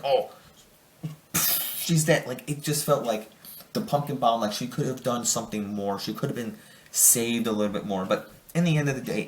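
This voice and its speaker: A man's voice: fairly low pitch, reverberant, slight background noise. A young man giving a casual spoiler review of a film, rambling and enthusiastic, often restarting his sentences. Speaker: movie reviewer.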